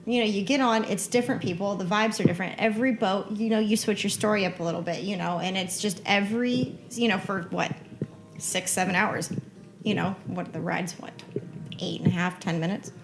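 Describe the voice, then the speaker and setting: A woman's voice: medium pitch, a little fast, soft background music. A woman with a mid-range voice co-hosts a casual podcast. She talks emphatically and rambles, with lots of "you know"s. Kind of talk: casual chat.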